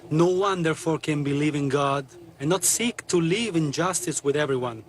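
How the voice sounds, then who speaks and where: A man as a distant live interpreter voice, rushed and uneven. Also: on the high side. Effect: live interpreter voice heard faintly from the event feed, beneath the broadcast. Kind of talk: simultaneous interpretation of a speech.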